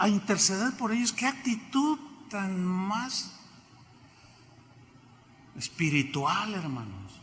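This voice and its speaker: A bright, sharp-edged male voice with a Mexican accent, preaching emphatically and swinging widely in pitch. He fires rhetorical questions at his congregation, and his words echo through a large church hall. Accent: Mexican Spanish. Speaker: pastor. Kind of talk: sermon.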